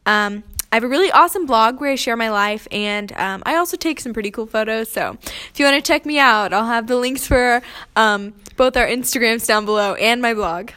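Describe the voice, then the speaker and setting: A young woman from Missouri co-hosting a casual podcast. She talks in a friendly, easygoing way, often using fillers, and her voice sits a little high. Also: brisk, bright, forceful tone, smooth. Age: young adult. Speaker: podcast co-host. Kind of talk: casual chat.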